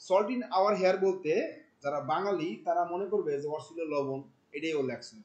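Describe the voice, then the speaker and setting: A man, teaching a class. He talks in a colloquial, animated way, firing questions at the students. He drops English terms into his explanations. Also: fairly high pitch, normal speed, lo-fi sound. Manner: questions the class often, mixing in English words. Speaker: marketing instructor. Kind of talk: classroom lecture.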